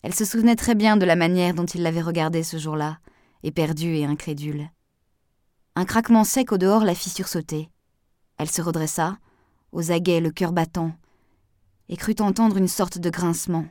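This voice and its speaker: Audiobook narrator, woman, lower voice, measured expressive reading, dry. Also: no room sound.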